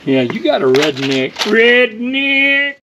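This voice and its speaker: A man's voice: a little high, big pitch swings, a little slow, highs cut off, background noise. A man hosting a garage build video, chatting and teasing his helper in casual shop talk. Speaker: host of a rat rod build video. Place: home garage workshop.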